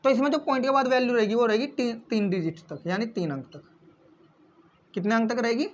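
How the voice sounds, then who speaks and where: A man's voice: very high-pitched, fairly quick, a little hiss or hum. A male maths teacher explaining step by step, asking questions and answering them himself, repeating key points and calling his viewers friends. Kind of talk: classroom-style maths explanation. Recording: slightly dull lo-fi recording.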